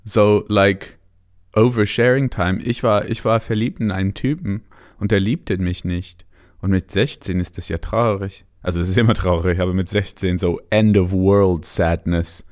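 A man's voice: sits low, normal speed, darkish tone. A man speaking as a native English speaker with a British accent, chatting casually and hesitantly in an interview, mixing in English words. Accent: British English accent in German. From Canada and England. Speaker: interview guest, musician.

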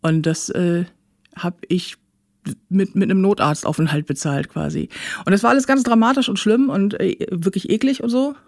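A woman's voice: mid-range voice, normal speed, darkish tone, no echo, clean studio sound. A woman guest recounting her own painful experiences candidly and matter-of-factly in an interview. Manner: candid, matter-of-fact about painful events. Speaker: guest, author. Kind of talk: personal interview account.

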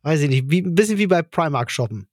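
A man's voice: fairly high pitch, expressive, fast talker, no echo, clean studio sound. A man co-hosting a casual podcast chat in slangy, colloquial speech, often searching for words. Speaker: podcast co-host.

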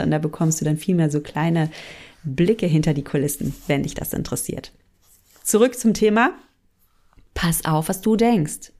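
A woman coaching on mindful eating, speaking gently and directly to the listener and sometimes acting out inner voices with sighs. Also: fairly low pitch. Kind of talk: coaching podcast monologue.

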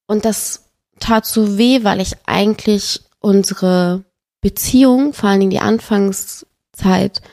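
A young woman guesting on a podcast relates a painful personal experience in a relaxed chat. Her mid-range voice moves slowly, yet her telling is emotional and animated.

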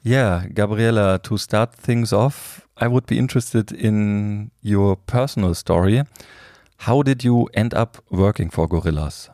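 Male podcast host, measured delivery, low and dry. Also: a little mellow, no echo. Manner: measured, reads prepared questions. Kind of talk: interview hosting.

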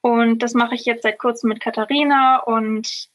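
A woman's voice: a little high, steady tone, normal speed, fairly bright tone. A woman in her twenties, a medical student and podcast guest, speaking thoughtfully with many fillers. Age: 20s. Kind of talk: casual interview.

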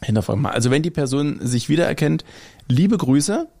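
Man with a German accent, podcast co-host in casual chat, gravelly and mellow, meandering storyteller. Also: a little high, animated, a little fast. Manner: rambling, anecdotal, self-correcting.

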